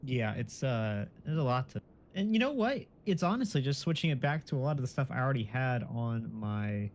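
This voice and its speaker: A man's voice: mid-range voice, big pitch swings, fairly quick, a little hiss or hum. A man bantering casually as a co-host during gameplay. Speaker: gaming co-host.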